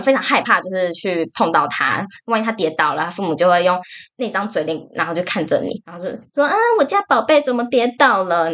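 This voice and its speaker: Animated ranting Taiwanese Mandarin woman. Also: fairly low pitch. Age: young adult. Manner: animated, exasperated ranting with many fillers. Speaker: podcast co-host. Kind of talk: casual podcast monologue.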